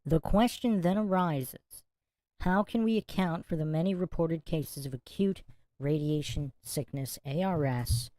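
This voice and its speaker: A woman's voice: sits low, a little slow, warm tone, low-quality recording. A woman hosting a livestream exposé podcast, reading out and commenting with smug sarcasm. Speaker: podcast host.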